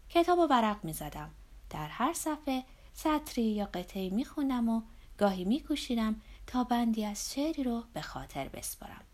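A woman narrating a literary novel in a measured, reflective manner, sometimes softening to a near whisper. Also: fairly high pitch. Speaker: audiobook narrator.

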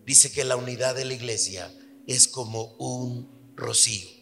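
A pastor preaches in an unhurried, deliberate way, his voice bright and forward. He sinks low and quiet to stress a point, then livens up to tell a story. The sound carries a long church-hall reverb with soft music underneath. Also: vocal fry. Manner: earnest, drops low for emphasis, then lively storytelling. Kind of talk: sermon.

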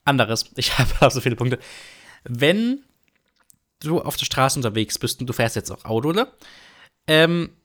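A man's voice: mid-range voice, expressive, normal speed, long pauses, fairly bright tone. A man co-hosts a laid-back podcast chat in an ordinary mid-range voice. He rambles on freely, cracking jokes and teasing his co-host. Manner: joking, rambling banter. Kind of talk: casual chat.

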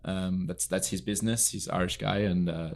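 The young guest from England, who runs an equestrian business, talks earnestly through stories in a relaxed podcast interview, using lots of fillers. His low, gravelly voice keeps a steady tone at a fairly quick pace.

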